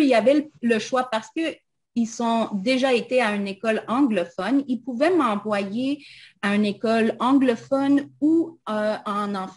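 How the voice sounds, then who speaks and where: This invited guest, a woman from Montreal, Canada, has a voice on the high side and speaks slowly, with halting hesitation. A native English speaker, she fills pauses with "euh" and switches into English during casual personal talk.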